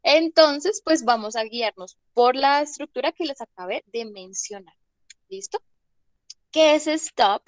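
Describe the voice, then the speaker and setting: A woman's voice: high voice, unhurried, no room sound. A young woman teaching an online English grammar class, patiently checking that students follow along.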